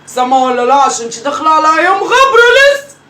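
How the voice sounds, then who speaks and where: In a comic sketch, a performer plays a nagging, teasing old grandmother who scolds the kids in Egyptian Arabic, talking fast and repeating herself in a bossy, teasing mood. Her voice is high-pitched and sing-song, and it sounds roomy and distant with faint noise underneath.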